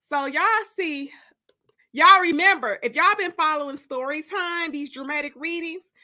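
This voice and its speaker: A woman storyteller with a high, bright voice speaks at normal speed in an expressive, theatrical manner. She's an author hosting live story time, mixing casual livestream chat with dramatic book narration.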